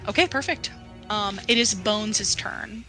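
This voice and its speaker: A woman's voice: medium pitch, a little slow, bright, forceful tone. A woman game master narrating a tabletop game in a casual, playful, colloquial and sweary way. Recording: music playing behind the voice.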